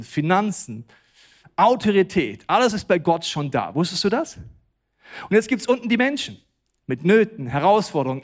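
A man delivers a church sermon in speech. His voice sits fairly high, and he swings from quiet, intimate lines to loud, emphatic bursts. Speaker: pastor.

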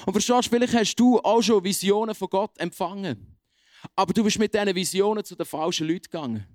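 A young man preaching a youth sermon in a lively, colloquial way. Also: high voice, fast talker, dry recording, studio quality. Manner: lively, colloquial, animated acting out of quotes.

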